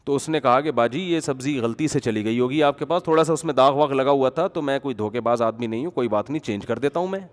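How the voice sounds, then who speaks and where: A man's voice: medium pitch, few pauses, big-room sound, natural voice. A man doing a proud, stubborn vegetable seller. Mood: pleading.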